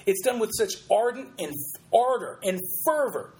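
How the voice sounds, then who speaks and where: Male podcast host, high-pitched, emphatic, sarcastic critical commentary, frequent restarts. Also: animated, moderate pace, darkish tone. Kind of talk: critical commentary on sermon quotes.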